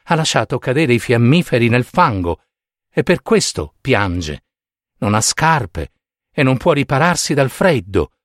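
A man voicing a sad, kind prince in a storybook, speaking softly and sorrowfully. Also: medium pitch, sing-song, unhurried, no echo, clean studio sound. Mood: pleading. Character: sad, kind statue prince, gentle and giving.

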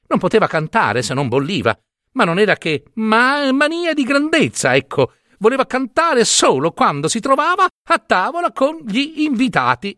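Man, fairy-tale reader, playful, animated, fairly high voice. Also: no echo, studio quality. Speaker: storyteller. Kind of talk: expressive fairy-tale reading.

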